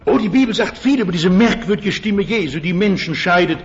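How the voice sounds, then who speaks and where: A man's voice: sits high, animated, a little fast. Earnest older male preacher, lo-fi recording. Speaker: pastor. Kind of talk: Easter sermon to a congregation. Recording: dull lo-fi old sermon recording.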